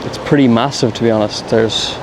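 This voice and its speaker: A man's voice: medium pitch, fairly even intonation, fairly quick, background noise. A man giving casual travel vlog commentary, with understated, slangy, rambling asides. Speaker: travel vlogger. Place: walking around an airport terminal.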